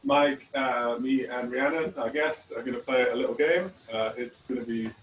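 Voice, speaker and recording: A man's voice: medium pitch, moderate pace, recorded from a distance, a little hiss or hum. Rambling man on a roomy video call. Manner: rambling, many fillers and restarts. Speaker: co-host of a teachers' online meetup. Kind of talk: casual chat.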